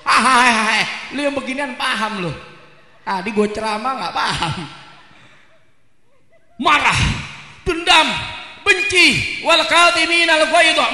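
A man's voice: high-pitched, bright, forceful tone. A male Islamic preacher, giving a joking sermon to a crowd and often asking them if he is right. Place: community event hall. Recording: echoey hall with long reverb.

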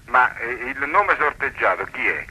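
A man with a raspy voice talking over the phone in a colloquial, sceptical way, on a crackly old telephone line. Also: mid-range voice, sing-song, a little slow, pushed and bright. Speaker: prank call recipient. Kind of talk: casual phone chat.

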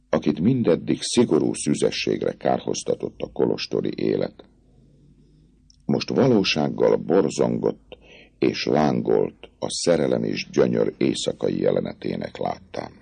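A man reading a classic novel aloud as an audiobook narrator, in an expressive, dramatic way. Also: a bass voice, vocal fry, breathy edge, no echo.

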